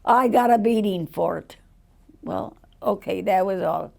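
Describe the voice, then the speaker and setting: This is the very old voice of a woman past one hundred. It creaks heavily and moves slowly, wandering through personal stories in plain, colloquial speech as an interviewee would. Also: medium pitch. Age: over 100, very old. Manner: rambling storyteller, acting out quoted dialogue in plain colloquial words. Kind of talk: casual autobiographical storytelling.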